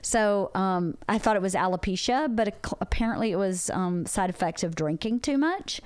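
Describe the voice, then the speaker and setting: A woman's voice: medium pitch, expressive, moderate pace, smooth, no room sound. A woman in her forties on a podcast, talking earnestly and openly about a hard personal experience. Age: 40s. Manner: earnest, open and reflective. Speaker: podcast co-host. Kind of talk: candid personal conversation.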